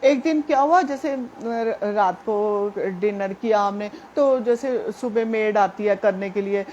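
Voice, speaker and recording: A woman's voice: medium pitch, slow, darkish tone, highs cut off, a little hiss or hum. A woman gives a devotional testimony, telling her story earnestly and speaking directly to her listeners. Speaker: devotee sharing a personal testimony.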